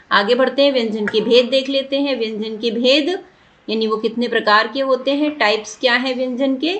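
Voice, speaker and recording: A woman's voice: a little high, a bit bright. A woman teaching a grammar lesson, patiently repeating points and asking her students questions. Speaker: Sanskrit teacher. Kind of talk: classroom lesson explanation.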